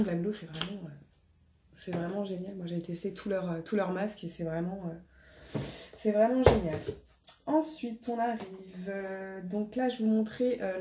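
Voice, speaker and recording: A woman's voice: mid-range voice, mellow. A woman, hesitant and chatty in a casual beauty haul video, with many fillers. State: slight cough after illness. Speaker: beauty vlogger. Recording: echoey room, faint noise.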